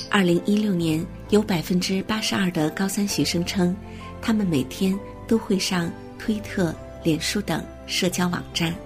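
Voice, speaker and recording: A woman reading a prepared text as scripted narration, in a steady, measured way. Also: lowish voice.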